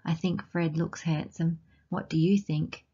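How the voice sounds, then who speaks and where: An Australian woman reads a picture book to young children at an unhurried pace, pausing to ask them questions. Her voice sits a little low and has a soft, breathy huskiness. The recording sounds somewhat dull and lo-fi. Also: fairly even intonation. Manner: gentle teacherly questions to young listeners. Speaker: children's storytime reader.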